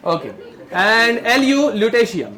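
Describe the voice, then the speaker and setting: Male chem teacher, high voice, drills students with mnemonics. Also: very animated, takes it slowly, bright, forceful tone. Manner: drills mnemonics, scolds students, Hindi mixed with English terms. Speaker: chemistry teacher. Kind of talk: classroom lecture.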